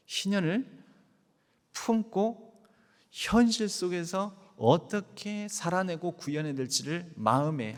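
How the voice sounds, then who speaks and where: A male senior pastor with a Jeolla accent preaches a Sunday sermon and speaks straight to his congregation. His voice sits a little high and swings widely in pitch as he presses each point. A long church reverb carries after him. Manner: animated, emphatic preaching that addresses the congregation directly. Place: church sanctuary.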